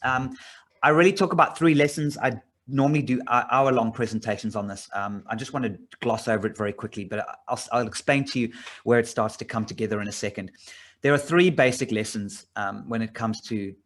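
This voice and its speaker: A man's voice: mid-range voice, fairly quick, a bit bright. A middle-aged man from South Africa giving a casual slide presentation about his business, rambling a bit with many fillers and restarts. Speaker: business owner presenting a job opportunity.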